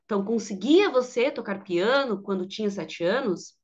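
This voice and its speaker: A Brazilian woman teaching English, who explains step by step and reads the English examples slowly and clearly. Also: medium pitch, animated, a little mellow, highs cut off. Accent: Brazilian Portuguese. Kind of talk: online English lesson.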